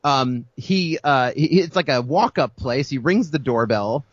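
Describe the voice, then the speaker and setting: A man co-hosting a podcast, telling a music-history story in a casual, animated way, acting out the people he quotes and laughing often. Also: mid-range voice, measured pace, no room sound, lo-fi sound. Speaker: podcast co-host.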